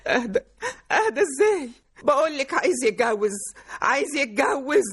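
A woman's voice: high voice, big pitch swings, moderate pace. An actress playing a distraught, crying middle-aged mother who speaks with an Egyptian accent in a radio drama. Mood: wailing. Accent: Egyptian Arabic. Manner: sobbing, wailing complaints. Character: distraught middle-aged mother, sobbing over her husband.

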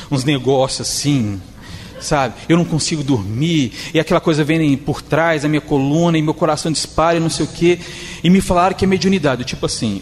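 A man's voice: fairly high pitch, big-room sound, slight background noise. A man giving a spiritist lecture in a conversational way, acting out the people he quotes in changed voices. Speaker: spiritist speaker.

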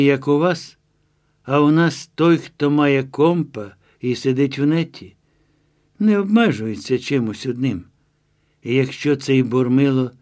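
A man's voice: medium pitch, a little mellow, natural voice. A man reading the lines of a chatty, self-assured guide who explains his reasoning with confiding asides.

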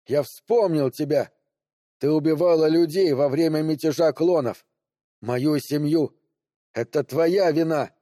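A man voicing a vengeful young man who attacks with a knife, shouting accusations in an audiobook. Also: on the high side, unhurried, dry recording, studio quality, pitched above the performer's own voice, lightly acted. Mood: furious. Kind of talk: audiobook character voice.

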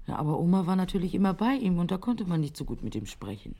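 An actress playing a calm, matter-of-fact mother in a radio play. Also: on the low side, fairly quick. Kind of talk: 1980s radio play acting.

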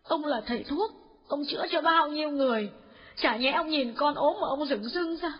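A man voicing an anxious elderly mother who pleads with her husband in a high, urgent voice, in an audiobook. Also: moderate pace. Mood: imploring. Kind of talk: audiobook character voice. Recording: dull lo-fi recording.

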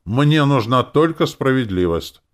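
A man's voice: mid-range voice, lively intonation, measured pace, pitched above the performer's own voice, lightly acted. A man reading an audiobook, voicing a bold, headstrong young daughter who talks back sharply and mockingly. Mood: resolute.

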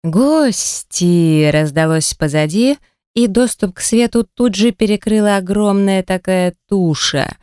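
A woman narrating a first-person fantasy audiobook with a lively, wry storytelling manner. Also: mid-range voice, unhurried, smooth, dry recording, clean studio sound.

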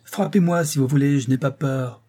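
A man's voice: mid-range voice, normal speed, mellow, breathy edge, lightly acted. A man voicing a proud, fiery young woman who defies her husband, speaking with heated defiance. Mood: defiant.

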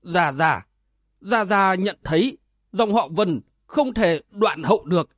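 A man's voice: high voice, lively intonation, slow pace, fairly bright tone, no echo, clean studio sound, heavily acted. A man reading aloud as a commanding old grandfather who leads a martial clan. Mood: grieving. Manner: commanding, stern.

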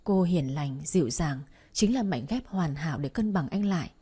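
A woman reading a romance audiobook aloud in a calm, even narrating voice. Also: deep voice, normal speed, slightly rough.

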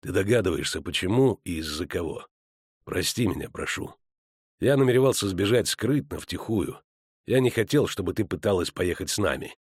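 A man voicing a terse, weary male monster hunter who speaks quietly and in clipped phrases in an audiobook. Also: low voice, animated, moderate pace, slightly rough, dry recording, studio quality. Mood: terse, subdued. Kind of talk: audiobook character voice.

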